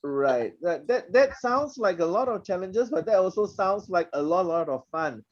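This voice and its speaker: A man moderates a panel, his pitch moving lively up and down as he invites each speaker in. The sound is a little dull and lo-fi. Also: normal speed. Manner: lively, encouraging, checks in with panelists.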